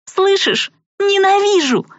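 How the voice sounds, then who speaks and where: A woman's voice: sits high, moderate pace, no echo, dull audio, pitched above the performer's own voice. A woman voicing a horrified young woman who accuses shrilly in an audiobook. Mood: accusing.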